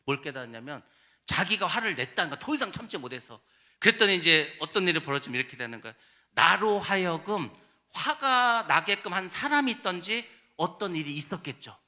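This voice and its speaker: Bright, forceful-voiced Korean pastor preaching. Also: male voice, sits high, sing-song, brisk. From South Korea. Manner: conversational preaching, swings between loud emphasis and soft asides. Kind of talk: sermon.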